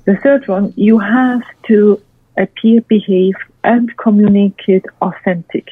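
Measured in pace and fairly even in intonation, a husky mid-range voice delivers structured expert advice in non-native-accented English. The woman, a guest speaker, lists her points emphatically and repeats them, recorded over a dry, tinny phone-like line with no room sound.

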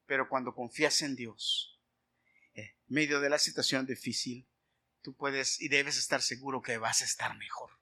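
Bright-voiced preaching man. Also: medium pitch, normal speed. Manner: animated storytelling, addresses the congregation as brothers. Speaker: pastor. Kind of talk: sermon with personal testimony.

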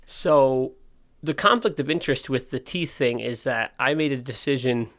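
A man's voice: mid-range voice, moderate pace, a bit bright. A man hosting a casual solo podcast, talking candidly and interrupting himself, with a slight lisp from his missing front teeth. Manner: informal, self-interrupting, candid rambling. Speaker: podcast host and skate park owner.

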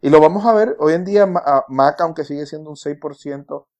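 A man's voice: a little high, fairly quick, darkish tone. A man co-hosting a casual podcast over a call, explaining earnestly with stammering starts.

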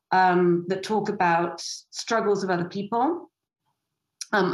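Rambling woman producer in an echoey room. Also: medium pitch. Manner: rambling, frequent fillers and restarts. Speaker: theatre producer and director. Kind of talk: casual interview chat.

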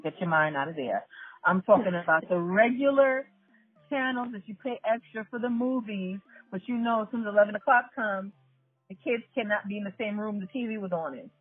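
A woman in her thirties or forties from the New York area, hosting a casual chat and telling stories in an animated way. She laughs often and talks straight to her listeners. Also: mid-range voice, fairly quick, breathy edge, dry recording. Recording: tinny phone-like line, dry, faint music.

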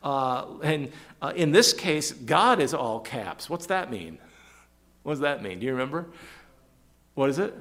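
A man's voice: medium pitch, very animated, measured pace, long pauses, fairly bright tone. A man leading an evening Bible study, reading verses aloud with emphasis and quizzing listeners by name, often repeating words as he restarts.

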